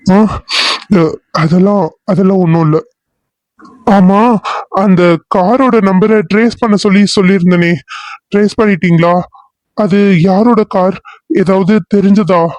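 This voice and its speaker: Heartbroken young police officer in a cartoon serial, voiced by a man; tearful, halting, fairly high voice. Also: steady tone, darkish tone, no room sound, muffled recording. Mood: distracted. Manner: halting, denying his feelings.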